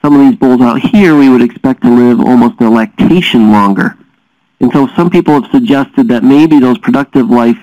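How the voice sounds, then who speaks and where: A man lecturing as a dairy science teacher, explaining steadily and often pausing with "uh" fillers. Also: mid-range voice, mellow, no room sound, lo-fi sound. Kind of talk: recorded lecture.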